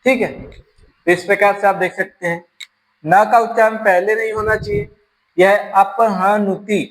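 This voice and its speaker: A man's voice: high-pitched, steady tone, moderate pace, low-quality recording. A man with a Rajasthani accent teaching an exam-prep grammar lesson, explaining step by step and asking and answering his own questions.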